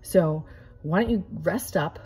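A middle-aged American woman with a slightly husky voice, speaking as a teacher to young children in simple explanations. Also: fairly low pitch, a little slow, warm tone, rough recording. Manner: simple explanations with frequent checking questions. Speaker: elementary school teacher. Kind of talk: instructional talk to young children. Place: living room at home, indoors.

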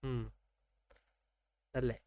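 A man's voice: slow pace, muffled recording, heavy background noise. A young man casually commenting on his Minecraft game, thinking aloud and chatting with viewers. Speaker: gameplay streamer.

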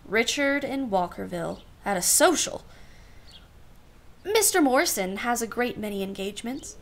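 A woman's voice: a little high, very animated, normal speed, fairly bright tone. A woman playing a genteel society aunt in a radio play, speaking with arch formality and dry irony. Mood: guarded, ironic. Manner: arch, formal, dryly ironic. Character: wry, genteel society aunt, privately exasperated.

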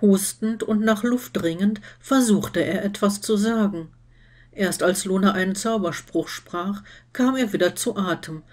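A woman reading fan fiction aloud in steady, scripted storytelling narration. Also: mid-range voice, measured pace, a little hiss or hum. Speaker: reader.

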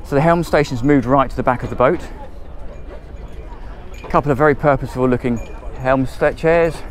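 A slightly fast, mid-range male voice from England carries this casual, enthusiastic, unscripted tour of a motor boat, filmed handheld at a marina as he goes through cabins and decks.

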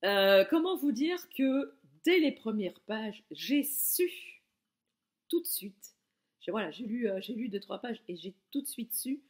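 A woman's voice: fairly high pitch, animated, a little slow. A woman from France giving a casual, enthusiastic book review straight to her viewers.

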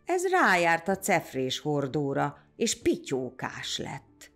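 A man's voice: a little high, huge pitch swings, fairly bright tone, soft background music, heavily acted. A woman voicing a sly old male shepherd who teases his neighbor. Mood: teasing.

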